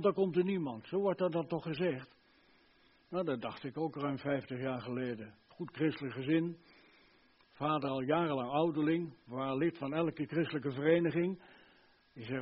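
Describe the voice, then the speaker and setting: An older man preaching a sermon, fervent, swinging between loud emphasis and hushed earnestness. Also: on the high side, slightly rough, muffled recording.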